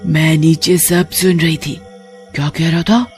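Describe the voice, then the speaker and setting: A woman's voice: low-pitched, fairly even intonation, measured pace, soft background music, voice pushed down. A woman voicing a vengeful female witch spirit in a horror cartoon, speaking in an eerie hissing whisper. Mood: taunting.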